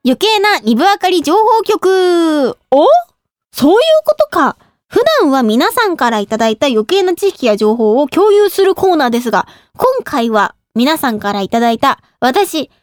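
A woman's voice: sits high, very animated, normal speed, hardly any pauses, no room sound, studio quality. A woman in her twenties hosting a radio show in casual, giggly talk, often laughing at herself. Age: 20s. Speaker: radio show host and idol.

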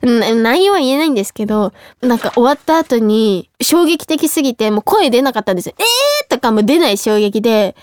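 A young woman chats as a radio host, fast and excitable. Her voice sits a little high. The studio sound is close and dry. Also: dry recording. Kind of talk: casual radio chat. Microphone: studio microphone.

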